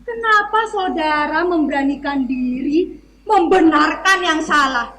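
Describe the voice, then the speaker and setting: A woman's voice: high-pitched, unhurried, a bit bright. A woman performing a theatre monologue as a blustering, authoritarian officer, declaiming. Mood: furious, shouting. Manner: hammy, theatrical stage declamation. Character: blustering authoritarian security officer, bullying and indignant.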